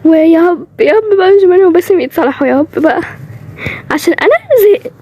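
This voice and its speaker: A woman voicing an excitable young girl with an Egyptian accent who pesters her mother in a high, whiny, insistent way. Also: fast talker, no room sound, heavily acted. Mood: pleading.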